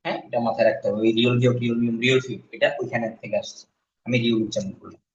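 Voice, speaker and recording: A man teaching a class, drilling words slowly and repeating them, often checking that the students follow. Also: mid-range voice, steady tone. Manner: slow repetitive drilling, asks "ঠিক আছে?". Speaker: language teacher. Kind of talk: classroom lesson. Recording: echoey classroom, distant dull mic.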